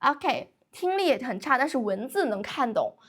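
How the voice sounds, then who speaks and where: A woman's voice: high-pitched, big pitch swings, a bit bright, slightly rough. Chatty young woman, Chinese-born English tutor. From China. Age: young adult. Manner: brisk, chatty, refuses to slow down. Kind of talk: casual livestream chat answering viewers. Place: office.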